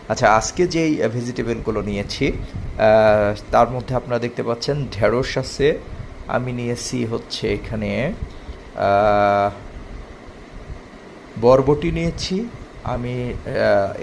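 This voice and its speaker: Brief: male cooking vlogger, gravelly voice with fry, halting and full of fillers, faint air-conditioner hum behind. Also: medium pitch. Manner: hesitant, many filler sounds. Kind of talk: casual cooking tutorial.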